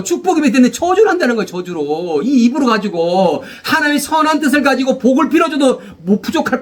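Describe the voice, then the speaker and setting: A man preaching a sermon as pastor, animated, repeating phrases and leading the congregation in call-and-response. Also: very high voice.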